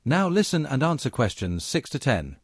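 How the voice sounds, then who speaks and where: A man's voice: medium pitch, big pitch swings, moderate pace, breathy edge, dry recording, studio quality. A man reading scripted listening test instructions in a formal, instructional manner as an exam narrator.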